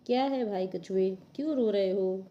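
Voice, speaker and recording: A woman's voice: mid-range voice, normal speed, lo-fi sound, lightly acted. A woman voicing a sly, cunning male jackal in a storybook reading for children.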